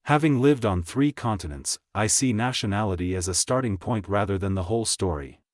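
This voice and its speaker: For shadowing practice, a low-voiced male teacher reads English sentences slowly and clearly, saying each one twice in a plain, even way. The recording is dry and of studio quality.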